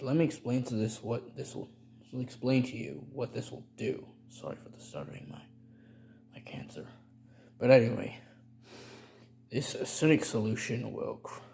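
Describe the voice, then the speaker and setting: A man's voice: medium pitch, creaky, darkish tone, slight background noise, lightly acted. A man playing a rambling, stammering middle-aged chemist cook in a comedic how-to tutorial. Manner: rambling, stammering, self-correcting.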